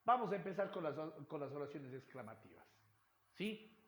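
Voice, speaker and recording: A man's voice: fairly high pitch, very animated, normal speed, a bit bright. A male teacher giving a recorded lecture, often checking in with "right?" and repeating phrases as he explains. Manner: checks in with "right?" and "yes?" after points; repeats words and restarts phrases. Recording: roomy echo.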